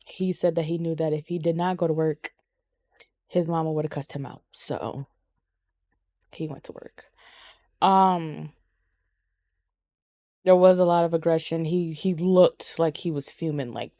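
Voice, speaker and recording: A woman's voice: sits low, steady tone, a little slow, pauses often, dark tone, no echo. A woman co-hosting a podcast, chatting casually about wrestling with lots of ums and swearing. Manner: rambling, profane, frequent ums. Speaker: podcast co-host.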